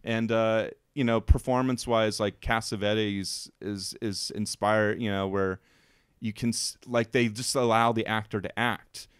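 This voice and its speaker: This man's voice is fairly low and fairly even in intonation, unhurried and clean, recorded in a clean studio with no echo. Co-hosting a podcast, he chats casually and emotionally about a film, rambling and using plenty of fillers.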